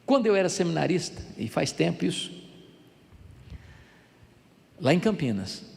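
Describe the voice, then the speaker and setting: An older Brazilian man preaches in a church with a long, ringing reverb. His voice sits high for a man and swings widely in pitch, with a gravelly edge, as he tells stories animatedly and drives his points home emphatically. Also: quick pace. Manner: animated storytelling, emphatic preaching that builds to loud climaxes. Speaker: pastor. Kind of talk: sermon.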